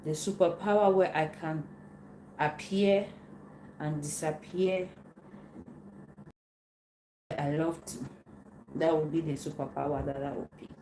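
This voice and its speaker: Woman, lowish warm voice, roomy echo with faint hiss, casual livestream Q&A host. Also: fairly even intonation. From Cameroon. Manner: unhurried, repeats phrases and searches for words. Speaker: livestream host answering viewer questions. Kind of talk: casual live Q&A.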